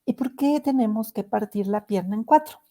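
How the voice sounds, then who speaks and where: A woman lightly playing a curious little girl in a spoken anecdote, pitched higher than her own voice. She asks her question in a plainly inquiring way. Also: normal speed, mellow. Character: young great-granddaughter asking her mother.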